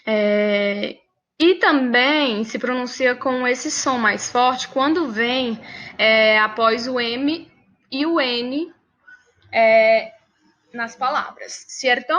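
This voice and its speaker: A woman's voice: on the high side, very slow, fairly bright tone. A Brazilian woman teaching a language lesson in a patient, repetitive way, often checking that her students follow. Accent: Brazilian Portuguese. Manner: patient, repeats words and asks for agreement. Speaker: Spanish teacher. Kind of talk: classroom lesson, mixing Portuguese and Spanish.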